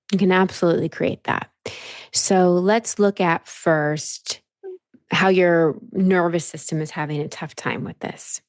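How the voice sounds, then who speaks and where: Female coach, low-pitched with a gravelly edge, patient and steady. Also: no room sound, studio quality. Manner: calm, explains patiently with repeated phrases. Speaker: life coach. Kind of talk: coaching session.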